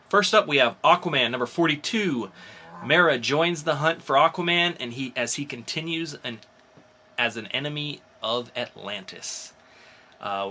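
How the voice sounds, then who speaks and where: A podcast co-host, this man reviews comics in a casual, enthusiastic, informal chat. His mid-range voice sounds pushed and bright over faint background noise.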